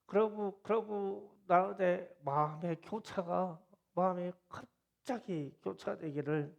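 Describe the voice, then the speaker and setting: A middle-aged male pastor delivers a Friday prayer-meeting sermon, retelling a vision with deep emotion. His voice is gravelly and sits a little high for a man. He speaks slowly, stretching out his phrases. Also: muffled recording. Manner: emotional storytelling, rising to loud wailing.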